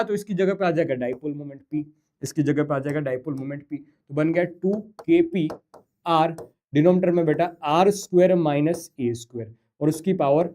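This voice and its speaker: A man teaching a physics lesson at a whiteboard, coaxing and a little singsong as he talks to his students. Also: high voice. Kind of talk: whiteboard lecture.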